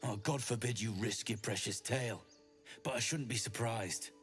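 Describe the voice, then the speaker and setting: A man's voice: medium pitch, moderate pace, fairly bright tone, soft background music, natural voice. An actor playing a hostile, scornful adult male mercenary in a video game, sneering and insulting.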